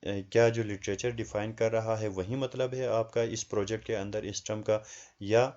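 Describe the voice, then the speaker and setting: A man's voice: fairly low pitch, little pitch movement, a little mellow, lo-fi sound. A man with a Pakistani Urdu accent, teaching a lesson and explaining a research assignment step by step with frequent hesitations. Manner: explains slowly with many hesitations, reads questions aloud in English.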